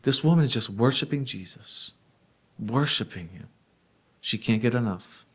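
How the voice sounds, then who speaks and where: A man preaching a sermon in a conversational way, asking the congregation rhetorical questions and laughing softly now and then. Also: medium pitch, expressive, normal speed, breathy edge.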